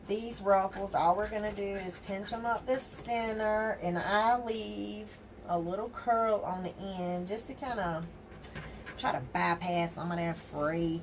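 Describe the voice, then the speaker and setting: A woman's voice: lowish voice, a little hiss or hum. A woman, chatting casually with her viewers as she hosts a crafting livestream. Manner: chatty, talks to viewers directly and folksy. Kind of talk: casual live chat while crafting.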